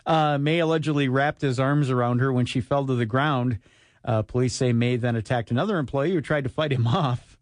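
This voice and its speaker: A man's voice: mid-range voice, fairly quick, dry recording. A man hosting a radio show, reading strange crime stories aloud and cracking jokes between them, often laughing. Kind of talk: joking banter reading news stories.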